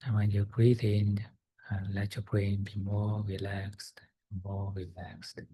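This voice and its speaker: A man softly guiding a breathing meditation, slow and soft-spoken with long pauses and fillers. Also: lowish voice, little pitch movement, husky, no echo. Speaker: meditation guide.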